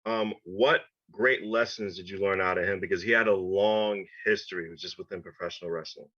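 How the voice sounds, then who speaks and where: A man hosting an interview, giving short affirmations and asking measured questions. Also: low voice, steady tone, fairly bright tone, no echo, muffled recording. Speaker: interviewer host.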